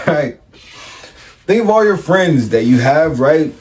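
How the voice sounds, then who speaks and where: A man's voice: fairly high pitch, big pitch swings, takes it slowly. A man, a life coach, telling a personal story in casual, blunt, profane talk, often checking in with "right?" and acting out the other people's lines. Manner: acts out other people's voices in his stories.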